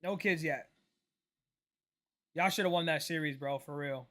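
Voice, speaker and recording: A man's voice: a little high, measured pace. A man in his late twenties, hosting a casual live stream, chatting loosely and answering viewers while reacting to a ball game. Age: 20s. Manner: relaxed, chatty, answers chat questions, says "bro". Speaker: livestream host.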